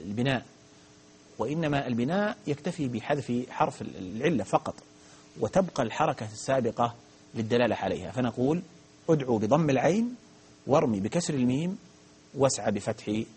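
A man gives a grammar lesson in a rough, husky voice. He talks quickly and patiently, working through each point with frequent restarts and hesitations. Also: medium pitch, darkish tone. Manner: patient, explains step by step with many restarts and fillers. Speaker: Arabic grammar teacher. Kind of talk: live grammar lesson with questions.

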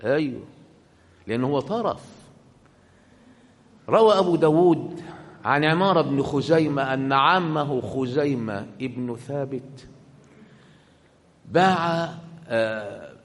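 A man with an Egyptian accent preaching a sermon, swinging between loud bursts and quiet asides. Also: medium pitch, lively intonation, slow pace, long pauses, in a large hall. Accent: Egyptian Arabic.

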